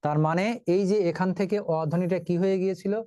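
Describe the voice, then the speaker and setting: A man's voice: high-pitched, fairly even intonation, fast talker, warm tone, dry recording, dull audio. Reassuring male teacher. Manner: reassuring, addresses students directly, explains step by step. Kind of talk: online class lecture.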